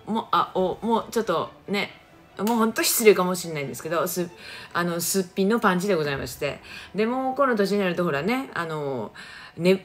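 A middle-aged woman with a Kagoshima accent, chatting casually on a phone livestream and greeting viewers by name. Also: mid-range voice. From Japan, Kagoshima. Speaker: livestream host reading viewer comments.

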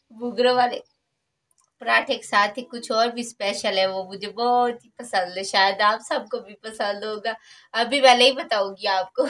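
A woman's voice: on the high side, fairly bright tone. Young woman chatting while cooking. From Pakistan. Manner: chatty, laughs often. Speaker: vlogger. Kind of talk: casual cooking vlog. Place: rural courtyard, outdoors and in a brick kitchen.

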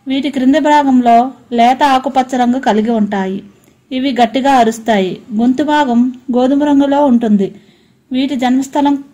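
Short, plain sentences carry this informational voice-over, read by a female narrator with a high, light voice. She moves from one item to the next at a steady, even pace.

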